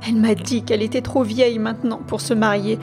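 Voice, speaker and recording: Woman doing a dignified old professor, formal and measured, slightly high voice, soft music under it. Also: little pitch movement, lightly acted. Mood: troubled. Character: elderly male professor, grave and grieving. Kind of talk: audiobook reading.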